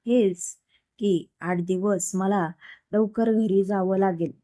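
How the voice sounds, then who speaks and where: A woman's voice: medium pitch, fairly even intonation, takes it slowly, mellow, no room sound, natural voice. Teasing young husband, read by a woman narrator, affectionate, dry close sound.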